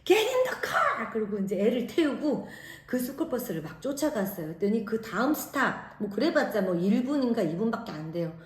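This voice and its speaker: A middle-aged woman from Korea with a naturally loud voice, telling a story in a lively casual way and acting out what people said. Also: on the high side, fairly quick, reverberant. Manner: animated, acts out quoted lines. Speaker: vlogger, mother.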